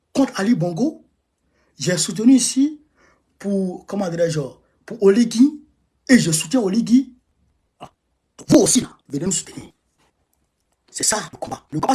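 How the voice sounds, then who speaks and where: Man, emphatic live-stream host, mellow dark tone, repeats himself to rally people. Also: high voice. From Côte d'Ivoire. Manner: emphatic, repeats phrases, exhorting. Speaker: livestream host rallying supporters. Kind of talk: casual live-stream address. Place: at home.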